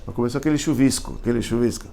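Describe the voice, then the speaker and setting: A man's voice: mid-range voice, very fast, gravelly, heavy background noise. A man, a rabbi telling a Talmud story in a casual, colloquial lesson. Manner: animated, colloquial, with slang and restarts. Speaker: rabbi teaching a class.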